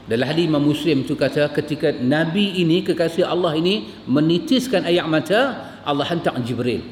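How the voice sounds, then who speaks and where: A Malaysian man preaching a sermon as a religious teacher, his voice climbing with emotion and slowing to recite Arabic. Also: lively intonation. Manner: impassioned, pitch climbing as he retells scenes, Arabic recited slowly. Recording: echoey hall with long reverb, faint room noise.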